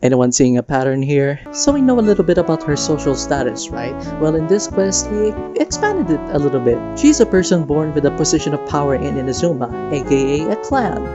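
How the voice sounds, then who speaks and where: A video creator hosting a game discussion offers casual, playful, enthusiastic fan commentary on a video game. Her low voice is sing-song and fairly quick, with hardly any pauses. Music plays behind her, and the sound is slightly dull.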